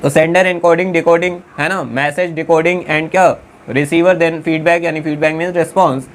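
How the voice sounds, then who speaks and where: A man teaching a class, dictating points slowly word by word and often checking "है ना" and "clear" with his students. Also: on the high side, steady tone. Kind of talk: classroom lecture.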